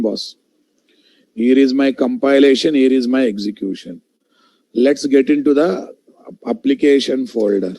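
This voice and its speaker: A man's voice: medium pitch, warm tone, no echo. A man with a Telugu Indian accent teaches a live online programming class, repeating key phrases and often checking in with direct questions to his students. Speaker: programming instructor. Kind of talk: live online coding lesson.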